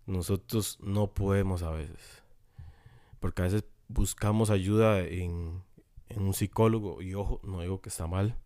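Deep-voiced Costa Rican preacher. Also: male voice, warm tone, dry recording, clean studio sound. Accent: Costa Rican Spanish. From Costa Rica. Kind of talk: sermon.

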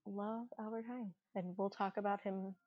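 A woman's voice: mid-range voice, fairly even intonation, moderate pace, no room sound, highs cut off. A woman co-hosting a casual travel podcast, chatty and giggly, with lots of fillers. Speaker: podcast co-host.

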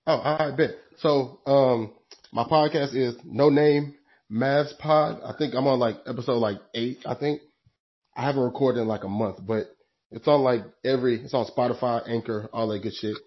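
A man's voice: mid-range voice, fairly even intonation, normal speed, highs cut off. A young man in his twenties, a podcast guest in laid-back casual chat, laughing often and calling people bro.

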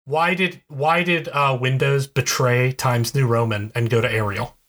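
A man's voice: medium pitch, fairly even intonation, a little slow, a bit bright. A man co-hosting a podcast in casual chat, explaining things in a digressive way with many restarts. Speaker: podcast co-host.

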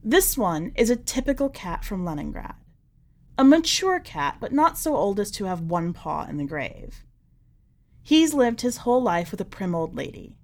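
Reading a short story as a podcast narrator, a mid-range-voiced woman gives an expressive, scripted performance, landing words with dry, deliberate emphasis.

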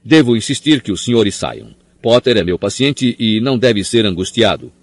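Man as stern female nurse, vehement, raised pitch. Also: very animated, normal speed, dry recording. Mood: scolding. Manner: vehement, scolding. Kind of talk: audiobook character voice.

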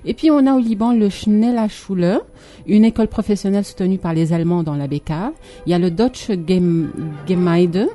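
A woman's voice: medium pitch, quick pace, dark tone, soft background music. A woman from Lebanon co-hosting a casual talk segment, chatty, with frequent fillers and laughs. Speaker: co-host. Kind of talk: casual studio chat.

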